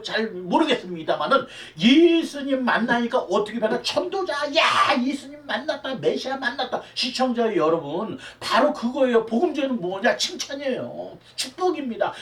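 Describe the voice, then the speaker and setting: A man preaching a Sunday sermon as pastor, with emphatic delivery and rhetorical questions to his viewers. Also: extremely high pitch. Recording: roomy hall, mic at a distance.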